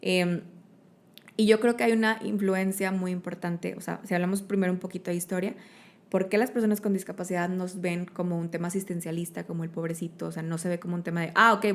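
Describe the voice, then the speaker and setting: Mexican woman with a gravelly voice. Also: lowish voice. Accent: Mexican Spanish. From Monterrey, Mexico. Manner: expressive, full of fillers and tag questions. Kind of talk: conversational interview storytelling.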